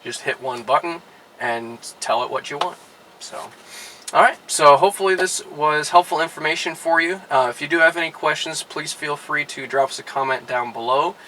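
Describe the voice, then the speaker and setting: A man, a car dealership product specialist, giving a relaxed how-to demonstration inside a car, with many "all right" and "uh" fillers. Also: a little high, normal speed, slight background noise, low-quality recording.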